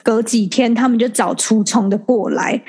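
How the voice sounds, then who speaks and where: A woman's voice: on the high side, normal speed, a little mellow, husky. A young woman from Taiwan, chatting casually as a podcast host and acting out quoted dialogue as she tells her story. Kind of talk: casual chat.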